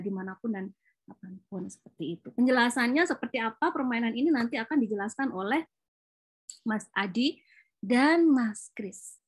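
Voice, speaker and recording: A woman explains a board game she helped create, in a friendly, rambling presentation style. Her voice sits fairly high and carries a soft, husky breathiness. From Java, Indonesia. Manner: chatty, explanatory, frequent fillers and laughs. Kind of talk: informal presentation.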